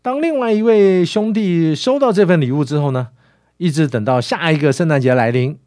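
A man preaching a sermon in a lively storytelling way, sprinkling in soft filler sounds. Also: on the high side, fairly quick, no room sound, clean studio sound.

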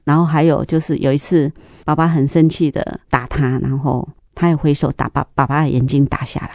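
A middle-aged woman, sharing a church testimony in an interview, telling stories lively and acting out the dialogue. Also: low voice, fairly quick, no room sound, clean studio sound. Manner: lively storyteller, acts out dialogue, laughs often.

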